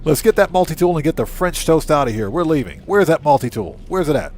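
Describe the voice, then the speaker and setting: A very animated, fast-talking livestream host comments on casual gameplay in a somewhat high, slightly mellow voice with widely swinging intonation. He speaks in exclamations and keeps repeating short phrases for emphasis.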